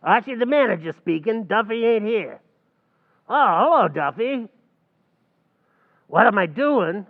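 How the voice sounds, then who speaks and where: Here the same radio-play recreation has a male stage actor voicing a wheedling, scheming tavern manager who talks fast, using a high, gravelly tone that rises and dips and grammar that is streetwise and mangled. He stays expressive but keeps a measured pace with long pauses, and the audio is muffled, ringing out in a long hall.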